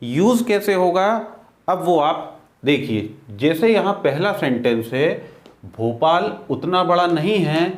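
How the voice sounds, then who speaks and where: An Indian man leads a spoken English class at an unhurried pace. His voice sits a little high for a man, and he explains patiently, saying key words again and again so learners can drill them. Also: lively intonation. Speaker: English teacher.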